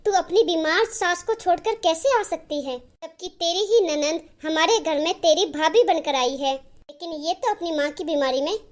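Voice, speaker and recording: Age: older. Figure: ailing gentle mother voiced by a woman. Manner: soft and weary. Pitch: very high. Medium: cartoon storybook. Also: normal speed.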